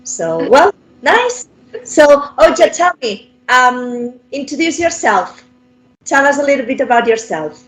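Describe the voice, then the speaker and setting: A woman's voice: high-pitched, very animated, unhurried, a bit bright, roomy sound, faint music behind, low-quality recording. A woman hosting an interview over a video call, friendly and chatty, with many fillers. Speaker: interview host.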